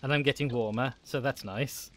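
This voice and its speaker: A man's voice: medium pitch, moderate pace, a bit bright. A man hosting a casual let's-play, chatting and laughing often as he plays. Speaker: gaming channel host.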